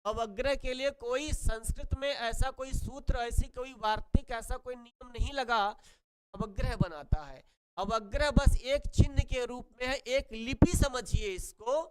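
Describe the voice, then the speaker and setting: A man's voice: very high voice, a bit bright, smooth. A man teaching Sanskrit grammar in a classroom-style lesson, who asks and answers his own questions and repeats key words. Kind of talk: classroom lesson explaining rules.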